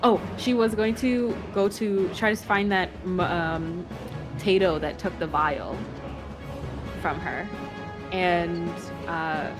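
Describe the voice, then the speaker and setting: A woman playing a tabletop game, talking hesitantly with many pauses and fillers. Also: fairly low pitch. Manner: hesitant, many ums, trails off. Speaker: player. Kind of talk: casual chat while playing a tabletop game. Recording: music playing behind.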